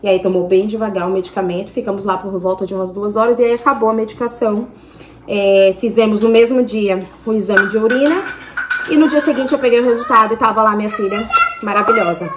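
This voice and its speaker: A woman's voice: medium pitch, quick pace, noisy background. A young woman with a Brazilian accent, chatting to her viewers and telling a story in long, detailed detail. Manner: talkative, tells everything in detail. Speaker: family vlogger. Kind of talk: casual chat to camera.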